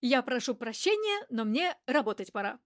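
A cool-headed, reasonable man, as a woman narrator voices him in a crime audiobook. He speaks in a measured, soothing way. The voice is rather high and dry. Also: sing-song, no room sound. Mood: calm. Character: calm, level-headed man, peacemaker and flat owner.

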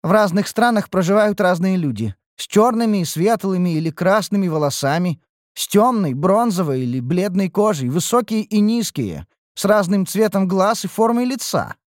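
A man voicing a sharp-tongued, mocking young woman in an audiobook. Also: high voice, lively intonation, moderate pace, no echo, clean studio sound, voice pushed up.

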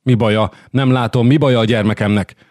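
A man's voice: medium pitch, steady tone, darkish tone, no room sound, studio quality, voice pushed up, natural voice. A man voicing a distraught young mother who pleads and sobs, read in an audiobook. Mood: frantic. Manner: pleading, sobbing. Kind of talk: audiobook character voice.

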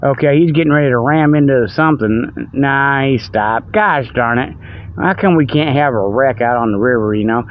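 An older man hosts a hobby radio show outdoors by a river, in a medium-pitched voice at a moderate pace with narrow, tinny audio. He rambles in a folksy, meandering monologue, joking and chuckling at his own jokes.

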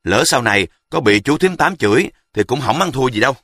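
A man's voice: medium pitch, lively intonation, fairly quick, fairly bright tone, husky, no echo, clean studio sound. A man voicing a bold, scheming boy who leads his friends and mocks them in a cocky way. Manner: mocking, cocky.

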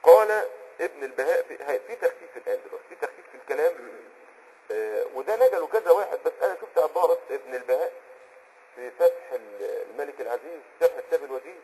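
Egyptian man, religious law teacher, raised pitch, very raspy voice, casual explaining lesson. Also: animated, mellow, rough recording. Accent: Egyptian Arabic. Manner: conversational, often pauses on a filler word while hunting for a term; checks on the listener with quick asides. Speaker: Islamic jurisprudence teacher.

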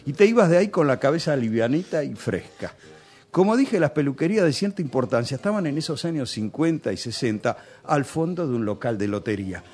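A man's voice: mid-range voice, expressive, a little fast, darkish tone, breathy edge. A man with a Rioplatense Spanish accent telling nostalgic, chatty stories on a radio show. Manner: nostalgic, chatty storytelling with local slang.

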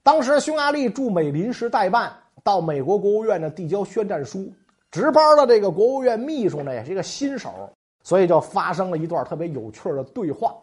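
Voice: medium pitch, very animated, brisk, darkish tone. A history podcast host telling a comic, colloquial history story with slangy jokes and asides.

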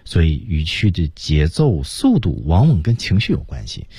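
A man's voice: sits low, sing-song, moderate pace, creaky, warm tone, slightly rough, no room sound, clean studio sound. A man teaching English on the radio, explaining each example line and then acting it out. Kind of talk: radio language lesson. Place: radio studio. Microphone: studio microphone.

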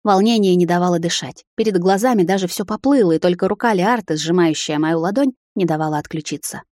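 A woman reading a romantic fantasy novel aloud in the first person, soft and even. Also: on the low side, fast talker, no room sound, clean studio sound. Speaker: audiobook reader. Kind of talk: scripted first-person narration.

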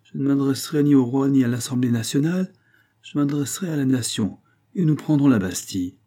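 A man reading a firm, forceful commoner. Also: medium pitch, fairly quick, pitched above the performer's own voice, natural voice. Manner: firm and insistent. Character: bold, forceful male commoner leading a crowd. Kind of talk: audiobook character reading.

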